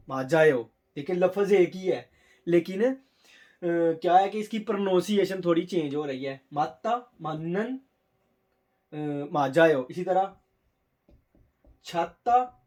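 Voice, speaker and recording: A man whose first language is Urdu teaches for a Korean test in a casual spoken lesson. His voice is high with a dark tone. He explains step by step and sounds words out slowly.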